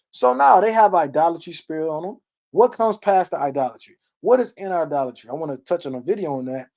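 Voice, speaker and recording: This is a read-along Bible lesson from a man whose voice is a little high and a little mellow. He goes verse by verse, explaining each in casual, emphatic language, and keeps asking "okay?" or "right?" to check in.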